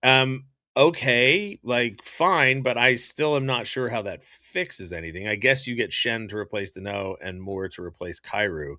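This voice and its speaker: A man hosting a hockey talk stream, reading chat questions and giving opinionated, animated takes with lots of fillers and restarts. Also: medium pitch, a little slow, no echo. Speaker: hockey podcast host. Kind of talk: casual live-stream commentary answering chat.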